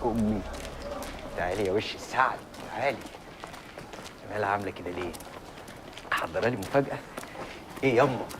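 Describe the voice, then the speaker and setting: A man's voice: on the low side, fast, long pauses, noisy background, natural voice. An actor playing a greedy, pushy son with an Egyptian accent, eagerly coaxing his mother. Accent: Egyptian Arabic. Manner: eager, wheedling.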